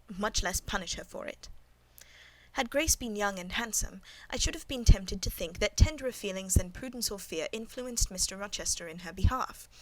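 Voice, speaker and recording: A woman narrating a classic novel in a measured, even reading voice, in the first person. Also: mid-range voice, rough recording. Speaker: audiobook narrator.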